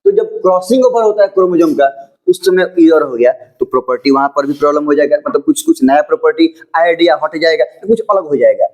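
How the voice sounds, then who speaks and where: A man teaching a school biology lesson in a casual lecture style, asking rhetorical questions and repeating points, with English textbook lines read slowly. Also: a little high, darkish tone, rough recording. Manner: explains with rhetorical questions and repetitions. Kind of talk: informal classroom lecture.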